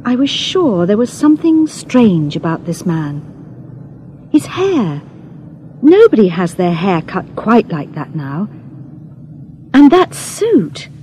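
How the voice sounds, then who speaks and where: Slow, expressive woman storyteller. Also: mid-range voice, a little hiss or hum. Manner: first-person, measured and expressive. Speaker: audiobook narrator. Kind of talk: scripted storybook narration.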